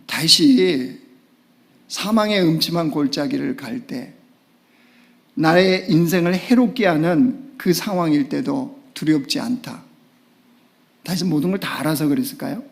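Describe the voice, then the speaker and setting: A male pastor preaching a Sunday sermon. He swings from hushed, almost whispered lines to loud, urgent exclamations. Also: fairly high pitch, a little slow, vocal fry. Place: church sanctuary.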